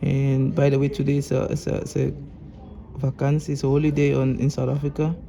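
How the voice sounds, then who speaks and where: A man with a Cameroonian accent, a repair technician talking calmly as he works, often restarting his sentences. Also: medium pitch, fairly quick, gravelly, rough recording. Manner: calm, explaining as he works, with frequent restarts. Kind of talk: casual workshop vlog talk.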